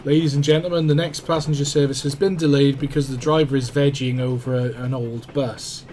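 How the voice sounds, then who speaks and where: A man putting on a train guard giving a slow, formal passenger announcement over the train's speakers. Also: mid-range voice, fairly even intonation, darkish tone, slight background noise, natural voice. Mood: mock-formal.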